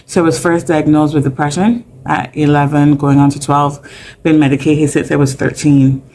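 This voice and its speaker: In a conversational interview, a middle-aged Barbadian mental health advocate talks openly, using lots of fillers. Her low-pitched voice is mellow with a flat delivery at a moderate pace, and slight hiss or hum sits under the audio.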